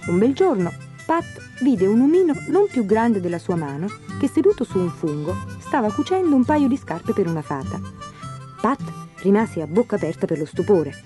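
Expressive woman reading a storybook. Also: medium pitch, soft background music. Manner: expressive and measured. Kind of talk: storybook narration.

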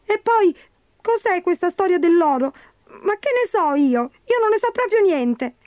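A woman voicing a tiny, crafty male leprechaun cobbler in a high, squeaky, pleading voice. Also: animated, unhurried, darkish tone, dry recording, clean studio sound. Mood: wheedling.

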